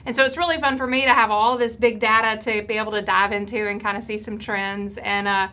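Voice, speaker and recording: A woman's voice: medium pitch, steady tone, fast, pushed and bright. A woman guest on a live stream, chatting with enthusiasm about voting data, with many fillers. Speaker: festival vote counter and guest. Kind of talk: casual live-stream chat.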